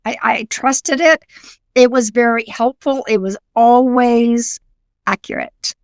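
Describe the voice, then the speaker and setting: A middle-aged woman with a somewhat high voice tells her story earnestly. She keeps restarting with fillers, and the sound is dry and close. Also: fairly even intonation, slow, no room sound. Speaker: guest psychic medium. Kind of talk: conversational interview.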